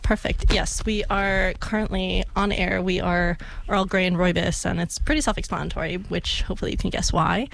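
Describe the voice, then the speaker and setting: A woman's voice: on the low side, fairly even intonation, brisk, gravelly, hardly any pauses, a bit bright, dry recording. A young woman co-hosting a casual college radio talk show, chatty and hesitant with fillers. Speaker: co-host.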